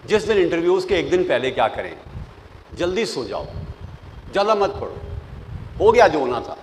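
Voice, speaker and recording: In this classroom lecture, an older man, a professor, shares lively interview advice through anecdotes, imitating the people he quotes and dropping in English phrases. His pitch is medium; the room gives long reverb, with faint noise underneath.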